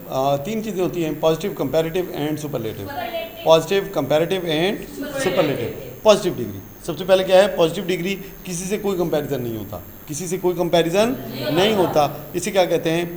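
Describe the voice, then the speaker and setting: A male teacher giving a classroom grammar lesson, quizzing the class with questions and repeating the key terms, and calling the students "beta.". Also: high-pitched.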